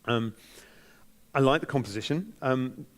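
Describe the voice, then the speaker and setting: In his role as competition judge, a New Zealand-accented man speaks without a script, cautiously and deliberately, softening what he criticizes. He has a mid-range voice.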